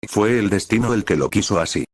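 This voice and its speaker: Un hombre que pone voz a un villano joven, hosco y burlón, con lectura plana y despreocupada. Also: male voice, on the low side, animated, a little fast, husky, no room sound, studio quality.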